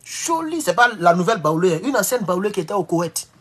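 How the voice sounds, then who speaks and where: In a casual live-stream monologue, a man talks to his viewers, rambling fast with a breathy edge and lurching between loud, high-pitched outbursts and low mutters.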